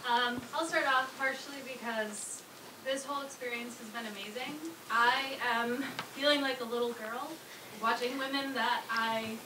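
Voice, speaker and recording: A woman in the audience asking the panel a question, speaking in a halting, emotional way. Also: fairly high pitch, fairly even intonation. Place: lecture room, from the audience. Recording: roomy, far from the mic, background noise.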